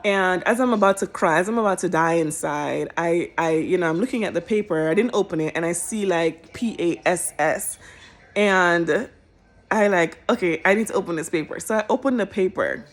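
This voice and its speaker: A young woman telling a personal story to her viewers in a casual, animated, emotional way. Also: lowish voice, normal speed. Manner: animated, emotional, colloquial, bursts into laughter.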